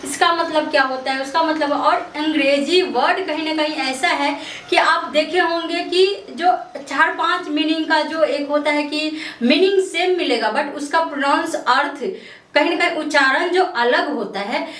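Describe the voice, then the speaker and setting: Woman tutor, high voice, patient and repetitive, drills each word slowly; roomy echo, mic set back. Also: a bit bright, recorded from a distance. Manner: repetitive, explains step by step, drills words aloud. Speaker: English pronunciation teacher. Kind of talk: casual online lesson.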